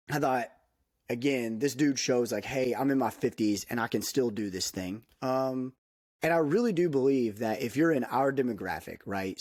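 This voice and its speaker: A podcast co-host in his thirties chats casually in a mid-pitched, darkish voice, upbeat and loose, constantly slipping in "um" and "like." The sound is close and dry, without any room echo.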